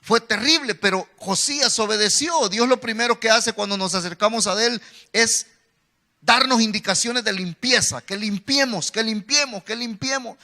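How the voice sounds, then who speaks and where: A man's voice: high voice, pushed and bright. A Salvadoran man preaching in a church, telling a personal testimony and calling his listeners "brother". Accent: Salvadoran Spanish. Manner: storytelling, addresses listeners as "hermano".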